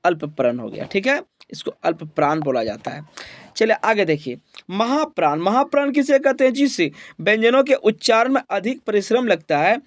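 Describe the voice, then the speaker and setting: A man with a high voice teaches a grammar lesson for an exam. He repeats every point as a question and then gives the answer himself. His voice is recorded dry and close, with no room sound. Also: lively intonation, moderate pace, no echo.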